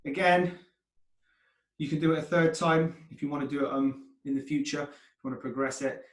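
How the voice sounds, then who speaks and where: Brisk and steady in tone, a man with a voice on the high side leads a workout as instructor, calling out terse commands, counts and form tips along with encouraging check-ins. The mic is far away in an echoey indoor room.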